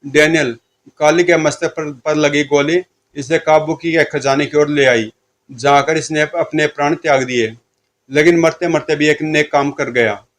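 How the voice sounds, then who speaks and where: A man's voice: fairly high pitch, fairly even intonation, unhurried, fairly bright tone. A man voicing an earnest, resolute young comic-book hero. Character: heroic serpent-powered young man, calm and loyal.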